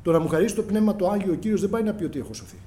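A man's voice: high voice, expressive, mellow. A middle-aged man preaching a sermon, calling the congregation brothers and acting out prayers and dialogue with passion.

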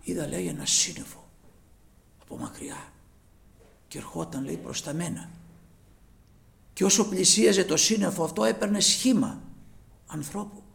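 A man preaching a sermon, moving from quiet storytelling to loud fervent peaks. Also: sits high, vocal fry, pauses often. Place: church broadcast live.

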